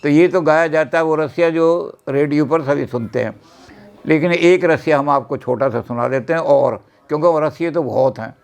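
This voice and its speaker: An older man who sings slow folk verses and then explains them in quick talk, as the guest on a chat show. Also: on the high side, vocal fry, smooth. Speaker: guest folk music expert. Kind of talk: explaining and singing folk songs.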